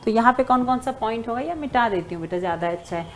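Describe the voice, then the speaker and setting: A woman's voice: on the high side, animated, quick pace, slight background noise. A woman teacher giving an exam-prep lesson, talking to her students fondly as she writes on a board. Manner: addresses students as "beta", writing on a board while talking. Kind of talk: online exam-prep lecture.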